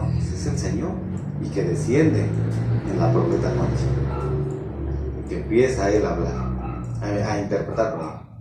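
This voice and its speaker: A male pastor giving an animated sermon testimony, quoting his own prayers as he tells the story. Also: fairly low pitch, background noise. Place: church. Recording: echoey church hall, distant mic.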